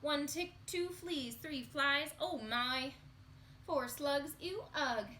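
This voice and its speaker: Reading a picture book to young children, a woman uses a lively, sing-song storyteller's delivery. She speaks on the higher side, and a faint hiss or hum runs under the recording.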